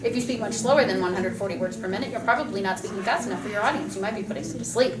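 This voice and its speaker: A woman speech teacher giving a chatty, fast-talking classroom lecture. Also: mid-range voice, crowd noise. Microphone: camera mic across a classroom. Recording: roomy, distant classroom sound with faint noise.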